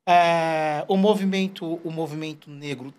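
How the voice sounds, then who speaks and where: A man's voice: on the high side, measured pace. A man in his forties, a guest in a casual interview, telling stories and quoting people in short put-on voices. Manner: animated, storytelling, quotes people in put-on voices.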